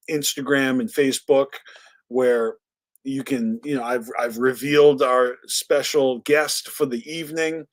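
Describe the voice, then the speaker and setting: A man with a Boston accent hosting a casual live stream. He is a little tipsy and talks in a rambling, laid-back, profane way. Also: mid-range voice. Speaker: livestream host.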